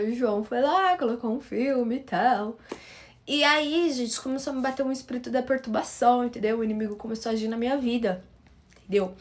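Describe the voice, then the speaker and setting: High-voiced female storyteller, chatty casual vlog delivery. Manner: chatty, keeps asking "entendeu?". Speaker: storyteller vlogger.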